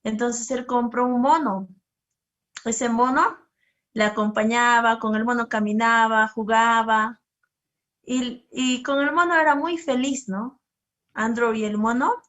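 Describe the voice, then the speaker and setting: A woman leads a children's service, a sermon with slides, asking the kids questions, acting out their voices, and telling them a story in a gentle, animated way. Her voice is a little high and a little slow, and the recording has its highs cut off.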